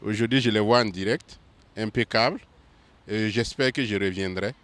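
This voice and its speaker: A man's voice: fairly low pitch, normal speed, a bit bright. A man from Burkina Faso, earnestly answering a street interview.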